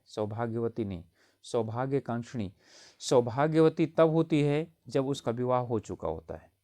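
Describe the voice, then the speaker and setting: Man, teacher, grammar lesson, mid-pitched voice, explanatory, checks in often, dry close sound. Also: mellow, no echo. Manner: explanatory, repeats points with frequent "theek hai" checks. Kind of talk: exam-prep grammar lesson.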